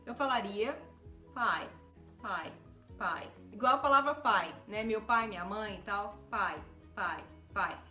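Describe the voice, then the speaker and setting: Brazilian woman teaching in an echoey room. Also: medium pitch. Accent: Brazilian Portuguese. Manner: lively, exaggerates sounds to demonstrate, checks in with "tá?" constantly. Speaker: English teacher. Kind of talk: casual video lesson. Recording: roomy echo with faint background music.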